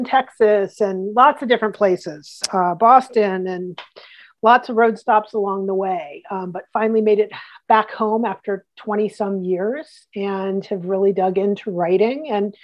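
A woman's voice: medium pitch, a little slow, lo-fi sound. A woman from Ohio, a children's author, talks about her work in a chatty, enthusiastic way, with many fillers. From Columbus, Ohio. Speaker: guest author. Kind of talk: casual interview chat.

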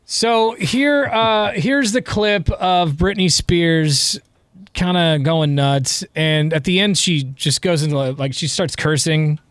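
A man's voice: a little high, takes it slowly, smooth, dry recording. A man co-hosting a casual podcast, joking and introducing clips. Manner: joking, animated, plays clips and asks for reactions. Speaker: podcast co-host. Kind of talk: casual chat.

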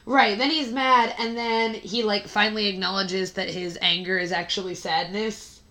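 A woman podcast co-host with a hoarse, scratchy smoker's rasp, chatting casually and wryly about a book. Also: medium pitch, steady tone, normal speed, sharp tone. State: hoarse after flu.

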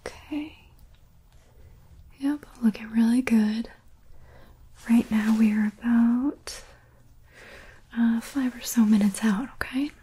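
Young woman whispering real soft, super breathy, calm paramedic roleplay. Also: a little high, takes it slowly, long pauses. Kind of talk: whispered ASMR medical roleplay.

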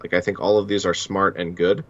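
Low gravelly guy on a podcast, dry muffled sound, calmly laying out opinions. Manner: opinionated, measured. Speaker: podcast co-host. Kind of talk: casual podcast chat.

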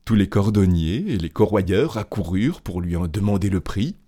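A man narrating a folk tale in a measured, expressive storybook reading. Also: low voice, breathy edge.

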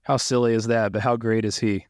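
A man's voice: fairly low pitch, flat delivery, brisk, darkish tone, no room sound, studio quality. A man co-hosting a wrestling podcast, enthusiastic, reading out title history in casual chat. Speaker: podcast co-host.

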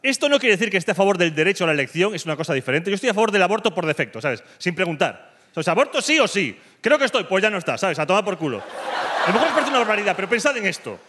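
A man with a Spanish accent from Spain doing stand-up comedy, delivering provocative dark humor that swings from mock calm to loud. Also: high voice, rapid-fire, husky.

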